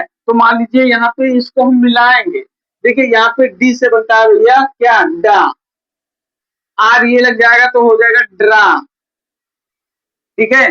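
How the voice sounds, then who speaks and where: A man's voice: extremely high pitch, sharp tone. A man teaching a beginners' reading lesson at a board in a coaching classroom, speaking patiently and repeating the same checking words often. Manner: patient, repeats "theek hai" and "bhaiya" often. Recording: dull lo-fi recording.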